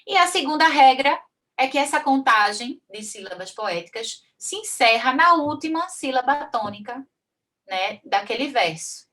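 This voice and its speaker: A woman's voice: medium pitch, a bit bright, recorded from a distance. A Brazilian woman teaching a workshop on folk poetry, explaining patiently and slipping in frequent "né" tags. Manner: explains patiently, recites verses slowly and rhythmically; frequent "né" tags and small restarts. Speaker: cordel poet and workshop teacher. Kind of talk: online workshop lesson.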